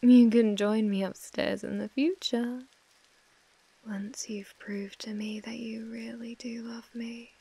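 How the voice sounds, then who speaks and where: A British woman voices a menacingly tender captor for an ASMR role-play: an obsessive, possessive mafia heiress whose affection is controlling and condescending. The heavily acted delivery is slow and flat, in a fairly high, creaky, mellow voice with a breathy edge.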